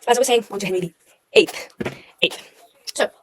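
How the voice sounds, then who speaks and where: Fast-talking young woman revising aloud. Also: fairly high pitch, lively intonation, a bit bright, a little hiss or hum, low-quality recording. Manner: chatty, self-mocking, trails off and corrects herself. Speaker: student revising history. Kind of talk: casual spoken revision notes.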